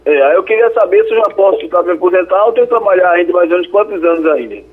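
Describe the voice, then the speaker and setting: A bus driver, calling in hesitantly and repeating himself. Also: male voice, sits high, lively intonation, rapid-fire, slightly rough. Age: 40s. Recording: phone line.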